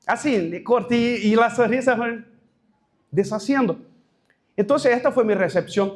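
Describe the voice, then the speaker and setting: A pastor with a noticeably high voice gives a personal testimony in Spanish to a room of church leaders, his Brazilian Portuguese accent coming through. He halts and restarts and slips in Portuguese words.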